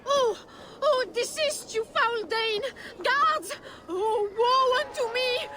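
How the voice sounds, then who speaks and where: Melodramatic, high-pitched damsel in distress. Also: female voice, slow pace, very noisy. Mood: theatrical distress. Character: playful Saxon noblewoman staging her own kidnap as damsel in distress. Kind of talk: video game voice acting.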